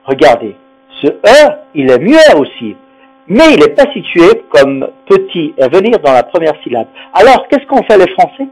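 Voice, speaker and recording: A man teaching pronunciation in a high voice that swings up and down. He explains patiently, says each sound several times and keeps asking whether it is clear. Faint music and a low mains hum sit behind him. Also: very animated, moderate pace, a little mellow, rough recording. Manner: patient, repeats sounds and checks understanding. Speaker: French phonetics teacher. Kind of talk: explanatory lesson.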